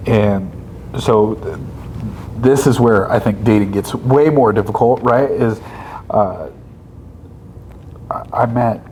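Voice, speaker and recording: A man in his thirties with a somewhat low voice, co-hosting a laid-back faith podcast. He thinks out loud and keeps checking in with a quick "right?" as he talks. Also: a little hiss or hum, rough recording. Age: 30s. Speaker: podcast co-host. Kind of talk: casual faith podcast chat.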